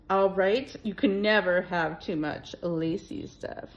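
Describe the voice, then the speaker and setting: A middle-aged woman from Minnesota unboxing craft mail, gushing and excitable with lots of gasps. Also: on the low side, dull audio. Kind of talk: casual unboxing vlog.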